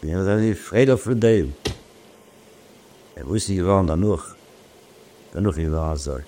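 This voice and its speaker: Deep-voiced man telling a rambling story. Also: mellow, slight background noise. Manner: halting, restarts often, repeats phrases.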